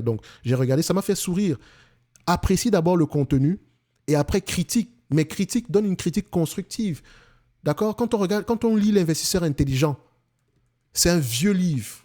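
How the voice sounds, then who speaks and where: Cameroonian guy ranting about investing, warm mellow voice, lots of restarts. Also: on the high side. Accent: Cameroonian French. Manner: emphatic, repeats himself, many restarts. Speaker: investing channel host. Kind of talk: casual monologue to camera.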